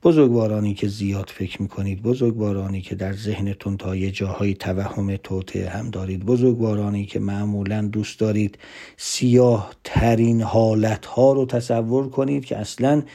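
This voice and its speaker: A man giving a lively motivational talk, emphatic, swinging between loud asides and hushed whispered lines. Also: on the low side. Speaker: motivational speaker.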